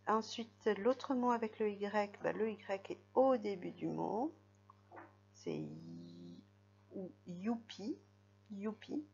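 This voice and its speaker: In a dull lo-fi recording, a woman patiently leads young children through a reading lesson, spelling out letters and syllables as they go. Her mid-range voice is gravelly with a darkish tone.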